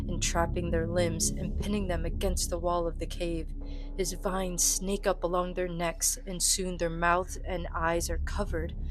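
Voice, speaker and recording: A woman hosting a solo tabletop role-playing game, narrating the story and commenting casually. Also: on the low side. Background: soft music.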